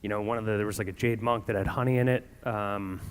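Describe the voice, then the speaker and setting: Hesitant, low-voiced man with hall reverb. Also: steady tone, fast, smooth. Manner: hesitant, loosely phrased. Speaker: competition judge. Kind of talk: casual off-the-cuff feedback.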